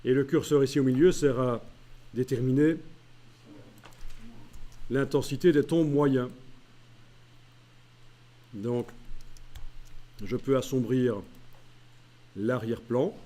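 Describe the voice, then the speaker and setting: Mellow-voiced man teaching software. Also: mid-range voice. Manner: walks through menu steps aloud, many "euh" pauses. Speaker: software trainer. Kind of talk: screen-recorded tutorial.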